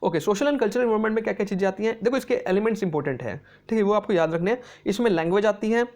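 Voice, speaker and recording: A man teaching an exam-prep lesson, mixing English terms into his explanations, often checking in with "okay" and reading English definitions out slowly. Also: sits high, a little mellow. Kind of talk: explanatory lecture.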